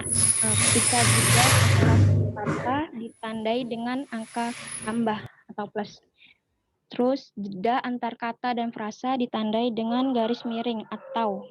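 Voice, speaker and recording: A woman explaining a linguistics lesson, pausing often on fillers as she talks. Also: on the high side, low-quality recording. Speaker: student presenter.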